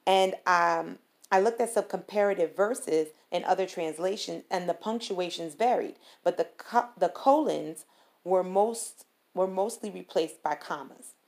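A woman hosting a podcast, preaching informally with slang, her voice swinging between calm teaching and excited peaks. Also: on the low side, unhurried. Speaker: podcast host.

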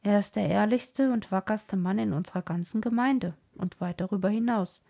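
Proud, emphatic old colonel, read by a woman, gravelly and husky. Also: medium pitch, normal speed, dark tone.

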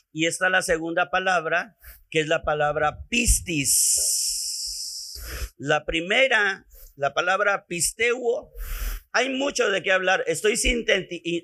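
Mexican male preacher, high bright voice, slow measured teaching delivery, repeats for emphasis. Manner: teaching, repeats phrases, calls listeners "beloved". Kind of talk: sermon.

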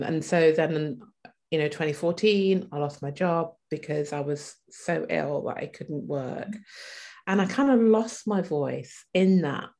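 As an interview guest, a woman in her forties shares her personal story in a low, warm voice. She is reflective and halting, pausing in the middle of her thoughts.

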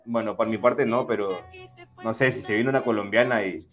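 A man's voice: on the low side, fairly even intonation, normal speed, a bit bright, soft background music. A man co-hosting a casual podcast, joking and rambling as he reads live comments. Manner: joking, rambling, mocks a Spain accent. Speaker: podcast co-host.

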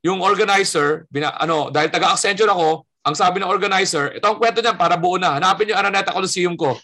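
A man's voice: high-pitched, fast talker. A man from the Philippines, a stand-up comedian telling stories in casual chat and acting out the quotes in them. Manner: animated storyteller acting out quotes.

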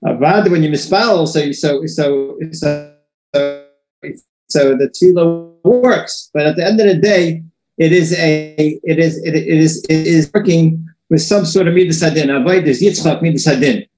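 Guy teaching a small group, a bit high voice, trips and restarts a lot, roomy echo. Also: normal speed, music in the background. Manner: loose, repeats and restarts words often. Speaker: religious teacher. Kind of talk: informal religious lesson. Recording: echoey room.

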